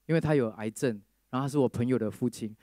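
A man preaching a sermon, telling a testimony in a lively storytelling manner, acting out the people he quotes and mixing English phrases into Mandarin. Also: medium pitch, fast talker, no echo, studio quality.

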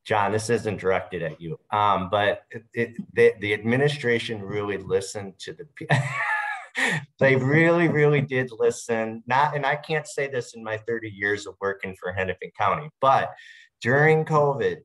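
A man in his fifties talking on a video call panel in a very deep voice. He is chatty and animated, and he keeps checking in with "right?" as he tells his point. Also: moderate pace, low-quality recording. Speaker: probation officer. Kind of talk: virtual panel discussion.

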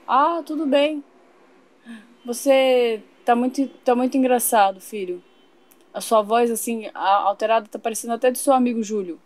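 A woman playing a gentle toy dad. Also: on the high side, normal speed, natural voice. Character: kind toy father.

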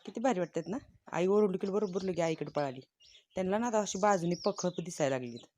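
Lady vlogging on her farm, lowish voice, chatty, little hiss behind. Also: fast talker, darkish tone. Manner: chatty, talks to viewers and scolds the animals. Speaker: village vlogger. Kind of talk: casual farm vlog narration. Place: outdoors on a farm with goats and chickens.

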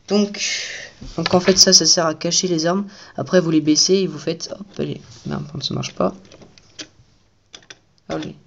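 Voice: mid-range voice, gravelly, a bit bright, highs cut off, slight background noise. A toy reviewer giving casual commentary while building a set at home at night, chatty and repeating the same praise.

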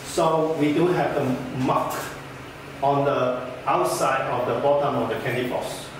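A young product trainer walks a room through a product in an indoor meeting room with a projector screen. His mid-range delivery is halting, full of "uh" fillers and non-native phrasing. A far-off camera mic captures him in an echoey space with background noise.

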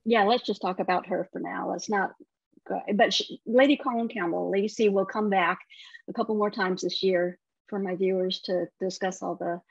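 A woman entertainment correspondent chatting on a TV segment, talkative and quick to laugh, with many restarts. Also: medium pitch, fairly even intonation, creaky, slightly rough, no room sound, dull audio. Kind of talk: casual TV segment chat.

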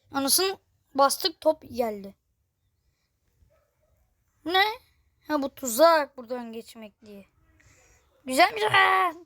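High-pitched woman commenting on gameplay. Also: dry recording, clean studio sound. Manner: excitable, exasperated, swears in jest. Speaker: gaming video creator.

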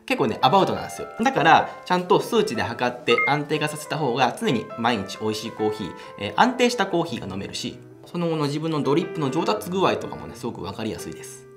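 Background music accompanies this casual brewing demonstration from a young coffee-channel host working in a small home café room. His medium-pitched voice is very animated, and he talks fast. He's chatty and enthusiastic, laughing while he walks through the steps.

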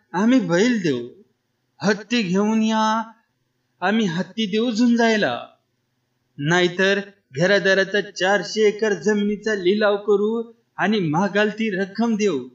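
A proud village ram owner rises high and loud as he throws down his challenge, voiced by a male storyteller. His voice is slow and ringing. The recording is dull and lo-fi.

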